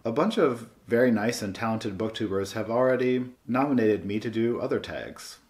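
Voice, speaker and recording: A man hosting a book channel, giving a scripted monologue in a wry, sardonic way. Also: fairly low pitch. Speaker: booktube host.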